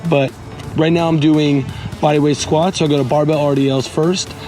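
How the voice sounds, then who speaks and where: Hoarse, raspy man coaching workouts. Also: little pitch movement, moderate pace, mellow, faint music behind. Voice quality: raspy, strained, squeaky breaks. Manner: informal, addresses viewers as guys, repeats instructions. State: hoarse, lost his voice from screaming. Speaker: fitness coach hosting a workout show. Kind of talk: casual instructional workout voiceover.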